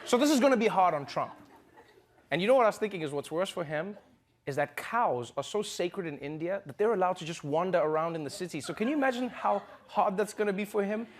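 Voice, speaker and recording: A man hosting a comedy show, delivering a joking, animated monologue. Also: high voice, quick pace. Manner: joking, animated, breaks into impressions. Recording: studio audience laughter and noise.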